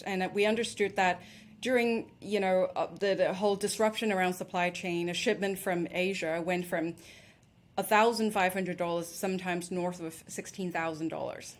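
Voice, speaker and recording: A woman from Hong Kong hosting a business interview, conversational and repeating small words as she starts her points. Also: on the low side. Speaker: host.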